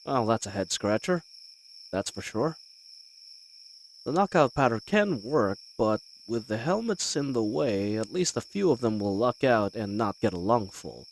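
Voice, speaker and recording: Man playing a lively, roguish bandit leader. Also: lowish voice, unhurried, a little hiss or hum, poor audio. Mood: pondering, wary. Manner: folksy, teasing, conversational with hesitations. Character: roguish, good-humoured male bandit leader, wry and blustering. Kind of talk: scripted fantasy audio roleplay.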